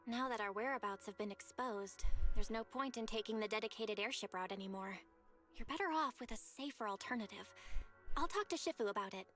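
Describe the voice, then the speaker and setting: A woman's voice: on the high side, a little fast, a bit bright, lightly acted. A woman voicing a perky, playful young martial-arts disciple in a video game, earnest and cheeky. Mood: earnest, caring. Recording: music behind the voice.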